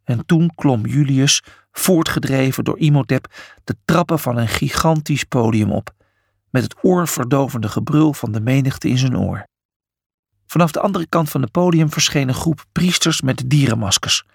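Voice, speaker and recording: A man reading a children's story aloud, with an expressive delivery. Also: mid-range voice, normal speed, vocal fry, slightly rough, dry recording, studio quality. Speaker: narrator.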